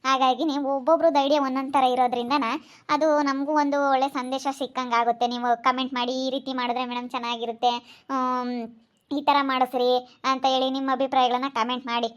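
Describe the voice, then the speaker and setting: Woman, rural Karnataka Kannada accent, high voice, flat intonation, chatty vlogger, pleading. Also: fast. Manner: pleading, repeats requests to subscribe. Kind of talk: chatty talk to viewers.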